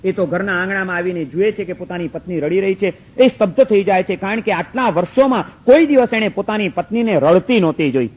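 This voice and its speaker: A man's voice: sits high, expressive, brisk, hardly any pauses, a little mellow, breathy edge, poor audio. A male preacher telling a moral story in a sermon, emphatic and repetitive, with rhetorical questions.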